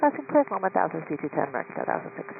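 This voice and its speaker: A male airline pilot over the radio, speaking in clipped, calm call-outs at a brisk clip. His voice sits high and swings widely, with a gravelly edge. It comes through a tinny, narrow radio channel with a steady hiss behind it. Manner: calm, matter-of-fact. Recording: tinny noisy radio transmission.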